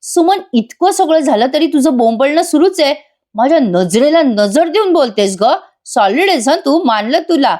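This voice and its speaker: A woman's voice: high voice, expressive, normal speed, darkish tone, voice pushed up. A woman voicing a menacing middle-aged husband who taunts his wife. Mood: mocking. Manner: mocking, taunting.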